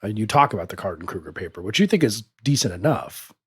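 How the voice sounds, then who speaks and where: A man's voice: fairly low pitch, sing-song, fast talker, husky, no echo, clean studio sound. A man hosting a podcast, asking long, hesitant questions full of restarts. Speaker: podcast host. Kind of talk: interview questions.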